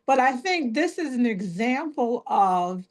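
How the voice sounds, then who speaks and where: A woman's voice: on the high side, big pitch swings, measured pace. A middle-aged woman mentor giving chatty, self-deprecating closing remarks on a video call, often restarting her phrases. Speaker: youth mentor and coach.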